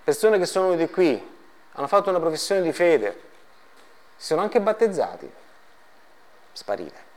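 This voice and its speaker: A man's voice: a little high, sing-song, normal speed, pauses often. A man preaching a sermon to a congregation, reading Bible passages and putting rhetorical questions to his listeners before answering them. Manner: addresses the congregation directly, lightly joking.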